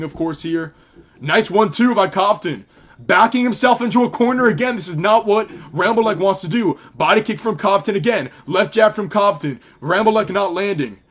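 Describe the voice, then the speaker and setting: Brief: young male fight caller, slightly higher voice, quick and excitable, loose with fillers. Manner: fast, excitable, with restarts and fillers. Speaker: fight commentator. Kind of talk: live play-by-play commentary.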